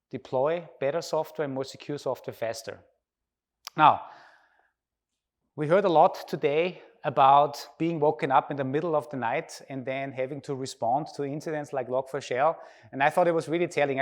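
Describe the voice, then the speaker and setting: Speaking with a slightly high voice, a man from Austria presents at a conference. German is his first language and his Austrian accent shows; his tone stays casual as he poses questions to the audience.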